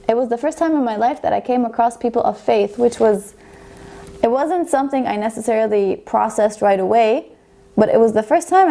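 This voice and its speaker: A woman's voice: fairly high pitch, creaky, mellow. A young adult woman, telling her personal story to camera in a chatty, rambling, self-deprecating way. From Estonia. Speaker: vlogger.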